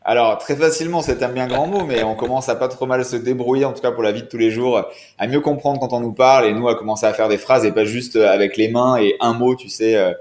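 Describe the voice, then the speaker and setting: A man's voice: medium pitch, steady tone, quick pace, few pauses, a little mellow, a little hiss or hum. Chatty man in an echoey room. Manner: rambling, chatty, many restarts. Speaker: podcast guest. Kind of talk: casual chat. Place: apartment room.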